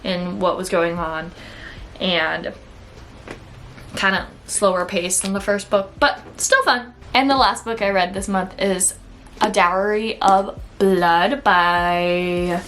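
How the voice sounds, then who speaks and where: A woman's voice: mid-range voice, steady tone, takes it slowly, a bit bright, a little hiss or hum. Woman, Minnesota accent, casual book-review vlogger, chatty and filler-heavy, mid-range voice. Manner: chatty, fills talk with "like" and "okay?". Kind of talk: casual monthly reading wrap-up.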